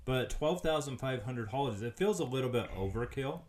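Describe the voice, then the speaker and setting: A man's voice: medium pitch, expressive, brisk, a little mellow. A man hosting a podcast, casually reading out facts with frequent hesitant ums. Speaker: podcast host.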